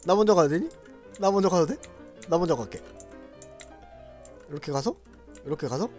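A man doing loud, excitable gameplay commentary, exclaiming and talking straight to his viewers. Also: sits high. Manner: loud, excitable, shouting and laughing often; talks to viewers directly. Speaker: game streamer.

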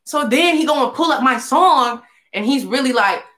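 A woman vlogger telling an animated story and acting out both sides of the dialogue. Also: high voice, normal speed. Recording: roomy echo.

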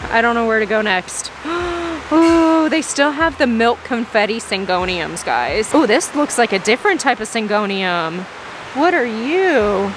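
A young woman vlogging a plant shopping trip in a large greenhouse nursery, gushing over plants and reading the prices aloud. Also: a little high. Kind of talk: excited plant-shopping vlog. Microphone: handheld phone camera. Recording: steady background noise.

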